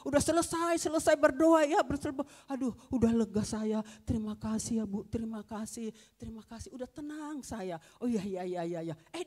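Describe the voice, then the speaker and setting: A middle-aged woman gives a spoken testimony in a church service, telling her story by acting out both sides of each conversation. Her voice sits fairly high, and she keeps turning to the listeners as brothers and sisters. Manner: storytelling, acts out both sides of remembered dialogue. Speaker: church member giving testimony.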